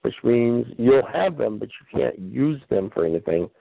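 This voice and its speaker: A man's voice: medium pitch, animated, normal speed, gravelly, no room sound. A man hosting a conference call over the phone. He answers questions in a folksy, patient way, with fillers. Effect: heard over a phone line. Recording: tinny phone line, dry.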